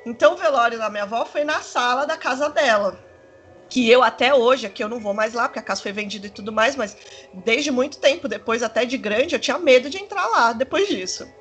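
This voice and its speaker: A woman, telling a personal story in casual chat, rambling and animated with many fillers. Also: fairly high pitch, fairly quick, a little hiss or hum. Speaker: storyteller in a conversation.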